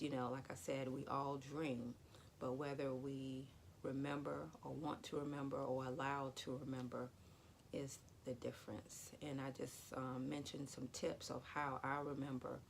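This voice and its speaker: Low creaky-voiced woman vlogging. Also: slight background noise. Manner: rambling, lots of "you know". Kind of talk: casual talk to camera about dreams.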